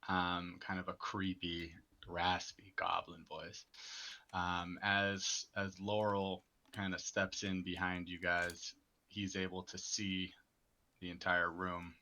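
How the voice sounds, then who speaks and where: Man narrating as game master. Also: low-pitched. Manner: relaxed, halting narration with fillers.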